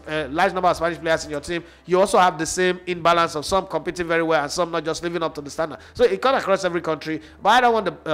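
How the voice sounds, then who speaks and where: A man's voice: a little high, a bit bright. A man giving blunt, emphatic opinions as a football pundit. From Nigeria. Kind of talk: opinionated sports talk.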